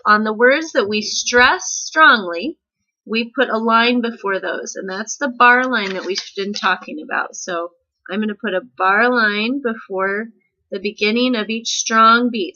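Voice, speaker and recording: A woman's voice: on the high side, measured pace, pushed and bright, muffled recording. A woman teaching a recorded music lesson, explaining patiently step by step and checking in with "okay?" as she goes.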